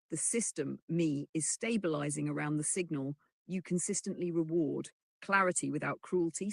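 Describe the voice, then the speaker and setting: Text-to-speech narrator for a chatbot answer, husky and gravelly, measured explainer read, dry close sound. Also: mid-range voice, dry recording. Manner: measured, even explanatory delivery that reads punctuation aloud. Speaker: AI assistant reply read aloud. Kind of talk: synthetic voice reading a chatbot answer.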